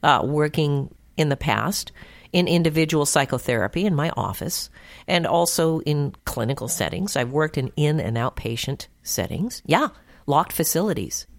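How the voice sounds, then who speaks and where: A woman's voice: low voice, animated, normal speed, creaky. A woman hosting a call-in advice radio show, chatty and reassuring, full of fillers.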